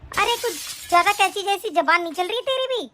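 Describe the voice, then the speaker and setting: In an animated family drama, a woman plays a bossy older mother-in-law who barks orders and scolds. The voice is still very high and bright, lowered somewhat for age. It snaps rather than pleads. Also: brisk, slight background noise, heavily acted. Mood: scolding. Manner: sharp scolding, shouting orders. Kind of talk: animated story voice acting.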